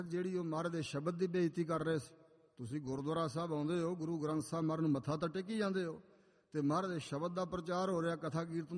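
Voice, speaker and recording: Man preaching a sermon in a reverberant hall. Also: on the high side. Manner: slows and chants when quoting scripture, tells stories. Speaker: preacher giving katha. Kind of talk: sermon with sung scripture quotes.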